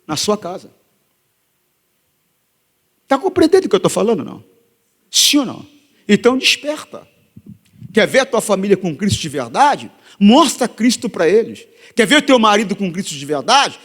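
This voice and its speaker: A man preaching as a pastor, moving between hushed storytelling and loud, emphatic repetition. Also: on the high side, slightly rough, long reverb tail. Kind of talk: sermon. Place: church hall.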